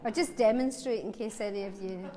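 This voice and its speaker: A woman's voice: medium pitch, a little fast, mellow. A woman with a broad Glaswegian Scottish accent gives an informal Dharma talk, telling stories in a conversational, wryly humorous way. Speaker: Buddhist teacher giving a talk. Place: large reverberant hall, speaking to a gathering. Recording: long hall reverb.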